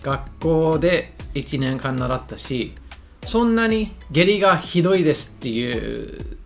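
A man's voice: on the high side, big pitch swings, measured pace, gravelly, faint music behind. A man giving casual, joking commentary on a lesson video, often stumbling over his words and making fun of himself. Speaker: YouTuber reacting to a lesson video.

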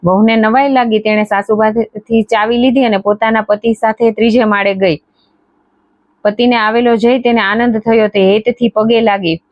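A woman's voice: on the high side, steady tone, normal speed, no room sound. Woman narrating a devotional tale. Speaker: storyteller. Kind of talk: reading a devotional folk tale. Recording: dry, dull lo-fi recording.

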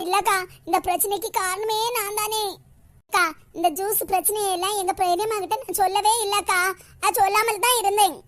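A woman with a Kanyakumari Tamil accent voicing a scolding, indignant character in an animated comedy. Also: very high voice, fairly quick, dry recording.

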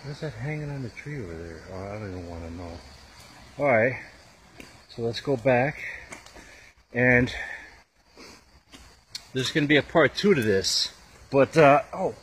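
A man vlogging while hiking a rough trail, chatting to viewers and out of breath, recorded on a handheld camera mic outdoors. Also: mid-range voice, lively intonation, measured pace, long pauses, fairly bright tone, slight background noise. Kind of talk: outdoor exploring vlog.

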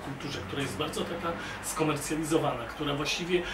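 Guy interviewing an artist, kinda high voice, lots of ums, far from the mic with noise behind. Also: fairly even intonation. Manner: hesitant, halting questions with many fillers. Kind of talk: interview questions. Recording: echoey room, distant mic, clear noise.

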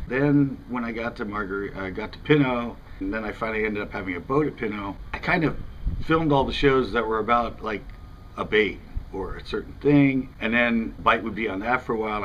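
An American man in his fifties hosts a fishing channel, chatting casually and rambling to the camera outdoors in front of a house window. His voice sits fairly low and sounds a bit bright. The recording is rough, with slight background noise.

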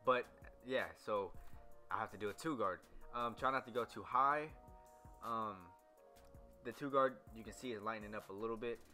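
This casual voice-over tutorial has a young barber explaining a haircut loosely, with many ums, fillers and restarts. He speaks at a moderate pace in a lowish, sharp-toned voice, with faint music in the background.

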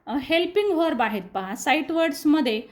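A woman with a Marathi accent, teaching English reading to students and slowly repeating each word for them. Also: high voice, lively intonation. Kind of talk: explaining a lesson on screen.

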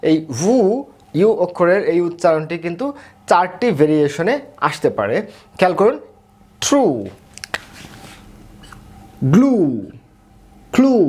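A man with a Bangladeshi accent teaching English pronunciation, slowly repeating each example word with emphasis. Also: high-pitched. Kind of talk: pronunciation lesson.

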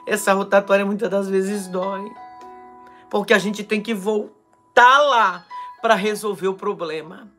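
Fervent shouting Brazilian pastor, bright voice. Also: male voice, sits high. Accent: Brazilian Portuguese. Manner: fervent, shouting, swings between loud cries and quiet asides. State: strained throat from shouting. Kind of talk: charismatic live-stream sermon with prophecy.

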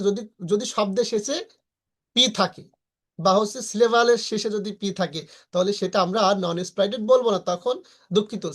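Brief: online pronunciation teacher, patient and repetitive, slows right down on example words. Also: medium pitch. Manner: patient, repetitive explaining with frequent check-ins; sounds words out slowly and stretches them. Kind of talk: recorded online class lecture.

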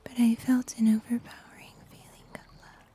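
Whispering close to a sensitive mic, a young adult ASMR performer takes on the role of a comforting summer angel, telling a scripted story with slow, deliberate gentleness. The breathy whisper sits a little high in a level tone, lightly acted and tender, with a faint hiss or hum in the background.

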